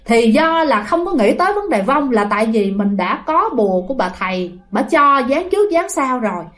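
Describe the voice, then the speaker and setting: A woman's voice: a little high, sing-song, normal speed, fairly bright tone. A woman with a Southern Vietnamese accent casually telling a ghost story, chatty and talking straight to her listeners. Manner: chatty, addresses listeners directly, many fillers.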